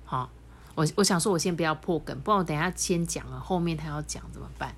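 A woman's voice: low voice, quick pace, slightly rough. A woman reading a picture book aloud to her child, stopping to explain things.

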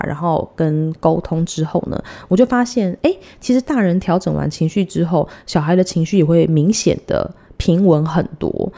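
A podcast host in her thirties shares a personal story, chatty and giggly, with drawn-out dramatic pauses. Her voice is lowish, creaky and dark in tone.

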